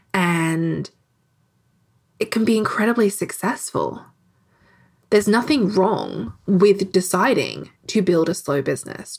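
A woman's voice: mid-range voice, darkish tone, slightly rough. A woman hosting a solo podcast, talking candidly and conversationally, swearing casually now and then. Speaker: podcast host. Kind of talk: reflective solo podcast talk.

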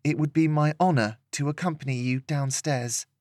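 A man's voice: fairly high pitch, steady tone, normal speed, a little mellow, dry recording, studio quality, pitched above the performer's own voice, lightly acted. A man reading a story, voicing a nervous young woman who answers with formal, polite courtesy.

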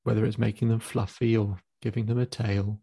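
A man acting as a therapist, leading a guided visualization exercise in a slow, calm, instructive way and counting the listener in. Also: fairly low pitch, gravelly, slightly rough, no echo. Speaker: therapist guiding a client.

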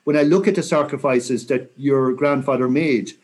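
A man in his sixties with a west of Ireland accent, talking reflectively and earnestly in an interview with measured, rhetorical phrasing. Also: medium pitch, darkish tone. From County Mayo, Ireland. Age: 60s. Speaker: interview guest, senior military officer.

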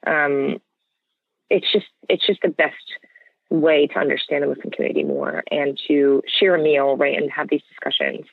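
This American interview guest has a gravelly, animated mid-range voice and a moderate pace, and he talks earnestly and conversationally, explaining things and frequently adding "right?". It sounds like a thin, tinny phone line, without echo.

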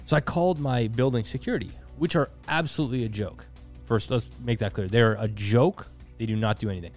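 A man in casual podcast chat, telling a tale earnestly and stopping to reflect. His voice sits at a middle pitch, with faint music underneath. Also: brisk. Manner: earnest, reflective storytelling with frequent restarts. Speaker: podcast co-host.

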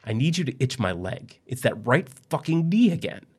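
A man voicing an injured husband who whines and panics, his voice jumping into high strained yelps. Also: big pitch swings, fast talker, breathy edge. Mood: whiny.

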